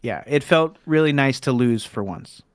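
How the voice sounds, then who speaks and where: A man's voice: medium pitch, lively intonation, moderate pace, clear, resonant tone, no echo. A man hosting a podcast, chatting casually and laughing easily, swearing now and then. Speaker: podcast host.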